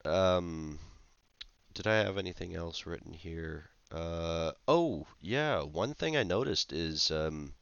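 Super deep smooth guy, dry dull lo-fi audio, hesitant podcast film chat. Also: lively intonation, takes it slowly, a bit bright, no echo. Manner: hesitant, critical, with many fillers. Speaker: podcast co-host. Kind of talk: casual film review chat.

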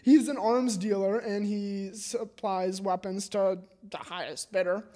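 A man co-hosting a casual current-events podcast, talking in an animated way and laughing at his own jokes. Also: high-pitched, measured pace. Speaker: podcast co-host. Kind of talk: casual chat.

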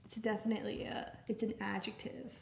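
A young woman co-hosting a podcast in casual chat, playful and quick to laugh. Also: mid-range voice, little pitch movement, creaky, darkish tone, reverberant, slight background noise. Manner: giggly, chatty, playful. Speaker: podcast co-host.

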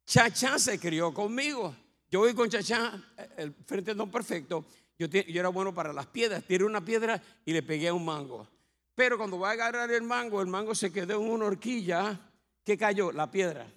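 A man's voice: sits high, expressive, moderate pace, fairly bright tone. A man with a Puerto Rican accent, a pastor telling his life story as a sermon, with humor and acted quotes. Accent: Puerto Rican Spanish. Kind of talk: testimony sermon. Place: church sanctuary. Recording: long hall reverb.

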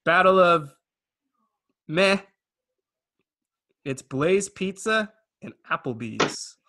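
A man's voice: fairly high pitch, normal speed, sharp tone. A man hosting a casual podcast, announcing matchups and giving blunt opinions. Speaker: podcast host running the bracket.

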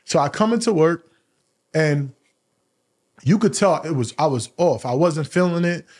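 A man with a slightly higher voice tells a story from his own working life in a loose, conversational monologue. He stumbles and restarts often. He drops slang and the odd curse along the way. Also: a little slow. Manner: animated, acts out quoted dialogue with raised pitch; repeats words and restarts often. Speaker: podcast host.

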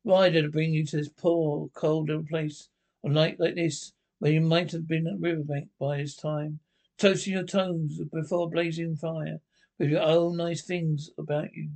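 A man voices a timid, downcast mole in a storybook reading. The voice stays near the reader's own, mournful and moaning, with a gravelly, raised-pitch texture. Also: little pitch movement, moderate pace, a little mellow. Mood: despairing. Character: timid, gloomy male mole.

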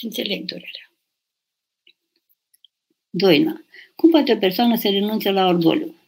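A woman's voice: mid-range voice, vocal fry, a little mellow, breathy edge. An older woman, an abbess, reading out viewers' questions and answering them in an urging, emphatic way on a live stream. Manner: reads questions aloud then answers, urging and emphatic, bursts of raised voice.

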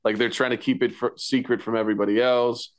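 A man's voice: medium pitch, flat delivery, quick pace. A man co-hosting a podcast, chatting casually about a TV episode, full of fillers, restarts and laughs. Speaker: podcast co-host. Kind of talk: casual TV recap chat.

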